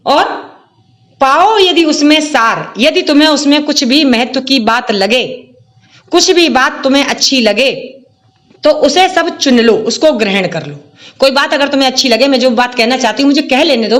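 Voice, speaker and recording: A woman teacher explaining a Hindi poem, reciting verses slowly and then paraphrasing them in plain words. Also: high voice, a bit bright.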